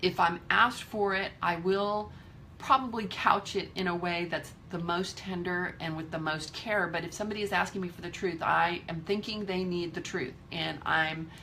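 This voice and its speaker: A woman's voice: lowish voice, fairly even intonation, normal speed, creaky, sharp tone, a little hiss or hum. A woman in her fifties giving a candid, emphatic motivational talk to her viewers, swearing freely. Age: 50s. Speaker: vlogger.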